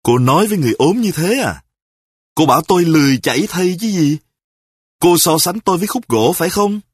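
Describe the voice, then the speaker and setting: A man playing a sick, petty husband who scolds his wife in rapid-fire accusations in a spoken story. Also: a little high, very animated, breathy edge, no echo, clean studio sound. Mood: accusing. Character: sick, petty, quarrelsome husband, self-righteous.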